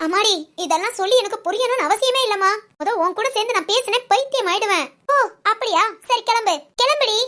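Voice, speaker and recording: A woman's voice: very high voice, lively intonation, a little fast, hardly any pauses, bright, forceful tone, full character voice. A woman voicing a teasing, exasperated young female best friend in a cartoon. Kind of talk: cartoon voice acting.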